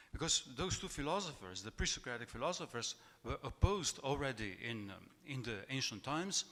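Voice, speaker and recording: A man giving an academic talk in a halting way, with many fillers and repeated words. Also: medium pitch, sharp tone. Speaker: academic speaker. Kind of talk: academic lecture. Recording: echoey hall.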